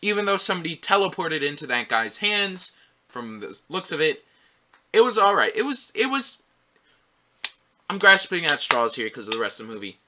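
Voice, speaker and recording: Man, movie commentary, exasperated rant, repeats himself, very bright tone. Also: a little high, sing-song, normal speed. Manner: exasperated, repetitive ranting. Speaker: movie reviewer.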